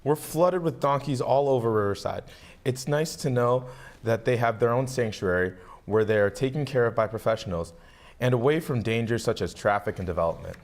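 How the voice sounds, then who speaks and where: A man's voice: medium pitch, a little fast. Young man co-hosting student local news. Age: young adult. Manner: relaxed, friendly scripted read with light quips. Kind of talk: scripted local news feature.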